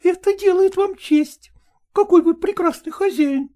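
A woman's voice: extremely high pitch, measured pace, mellow, pitched above the performer's own voice. A woman voicing a cheeky female stray dog in an audiobook, chattering in a coquettish, wheedling way. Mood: flirty chatty. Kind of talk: audiobook character voice.

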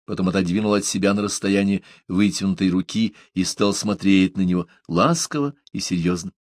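A man narrating a translated novel in an even, measured storytelling voice. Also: sits low, no room sound. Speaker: audiobook narrator.

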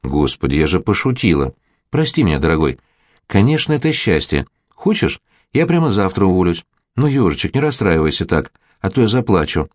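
A man voicing a teasing young woman in an audiobook romance, a little higher than his own voice. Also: sing-song, fairly quick, a little mellow, no room sound. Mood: pleading. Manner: teasing, playful. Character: young woman, teasing yet tender and anxious.

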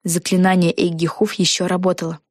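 Woman reading a storybook, low-pitched. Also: fairly quick, no room sound, studio quality. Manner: even, clear storytelling. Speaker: narrator. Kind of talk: audiobook storybook narration.

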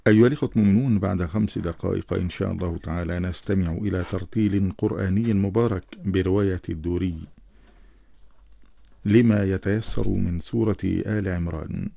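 A man's voice: sits low, steady tone, fast talker, vocal fry, dark tone, dry recording. A man making a formal, solemn announcement on the radio. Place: radio studio.

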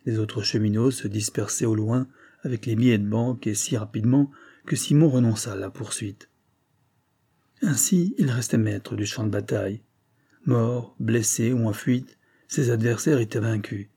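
Male audiobook narrator, husky voice, mellow, measured storytelling. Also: mid-range voice. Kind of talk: scripted narration.

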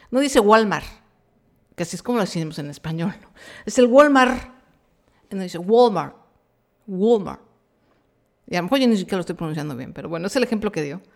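A middle-aged Mexican woman with a Mexican accent, hosting a podcast in a frank, chatty monologue full of slang and fillers. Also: medium pitch. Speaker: podcast host. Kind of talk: casual chat monologue.

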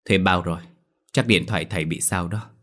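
A man's voice: sits low, a little fast, a bit bright. A man voicing a jumpy, curious young man at a temple in an audiobook ghost story. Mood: weary.

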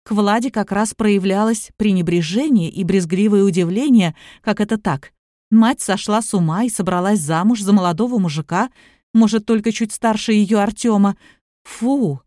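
A woman narrating an audiobook with a steady, even reading. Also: medium pitch, moderate pace, dry recording, studio quality. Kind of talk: scripted narration.

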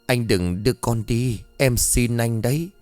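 A man's voice: medium pitch, unhurried, a little mellow, no room sound, soft background music, natural voice. A man voicing a young mother begging tearfully in a ghost story. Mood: desperate pleading. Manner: pleading, sobbing.

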